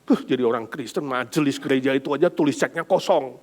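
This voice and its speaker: A middle-aged man with an Indonesian accent, preaching a sermon as pastor, swinging from loud emphatic bursts to near whispers. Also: medium pitch, fast talker. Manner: animated preaching, rising loud then dropping to near whisper.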